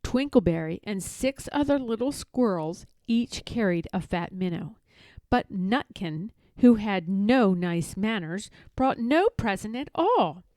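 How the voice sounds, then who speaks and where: A woman narrating a children's storybook aloud in an expressive, measured read-aloud manner. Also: mid-range voice, no echo. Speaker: storybook reader.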